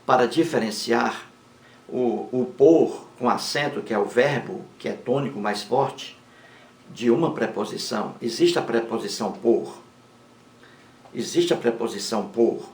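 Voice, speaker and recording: A man teaching grammar in a slow, deliberate lesson, repeating words for emphasis. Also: medium pitch, reverberant.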